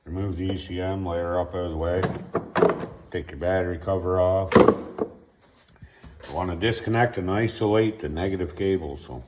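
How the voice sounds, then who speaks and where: In his home garage, a middle-aged man with a sore throat hosts a casual repair video while his son films with a handheld camera. His low voice moves at a moderate pace with long pauses, rambling folksily through how-to commentary full of fillers, in an echoey, very noisy space.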